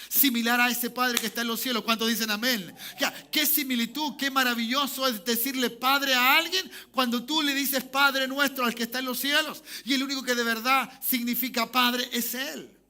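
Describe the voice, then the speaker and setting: A man's voice: very high voice, bright, forceful tone. A man, a pastor preaching a sermon and often calling the congregation to say amen. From Chile. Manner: preaching, repeats calls for amen.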